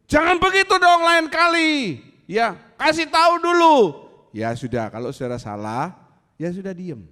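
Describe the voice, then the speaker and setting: A man preaching a sermon as pastor, animated and teasing, acting out angry voices. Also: sits high, big-room sound. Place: church.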